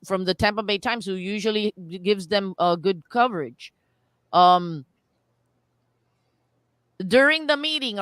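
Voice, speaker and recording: A woman co-hosting a local political talk show, commenting on the news and reading articles aloud in an animated way with frequent restarts. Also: on the high side, no echo. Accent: Floridian.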